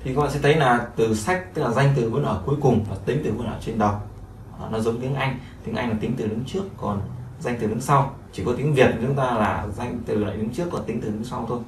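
A man's voice: mid-range voice, brisk. A man, teaching a language lesson and explaining each phrase over and over with many fillers. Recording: echoey room, mic at a distance, faint noise.

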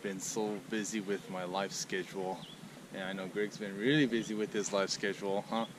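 A man's voice: fairly low pitch, moderate pace. A middle-aged man hosting a casual fishing vlog at a lakeside park, chatty and laid-back, recorded on an action camera. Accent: Southern Californian. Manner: laid-back, chatty, excited bursts at catches. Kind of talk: casual outdoor vlog narration. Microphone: action camera mic. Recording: outdoor camera audio with clear background noise.

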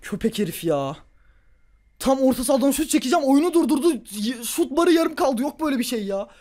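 Gaming YouTuber, male, high-pitched voice, furious ranting let's-play commentary. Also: big pitch swings, brisk. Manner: furious ranting and yelling at an opponent; muttering and grumbling after the game.

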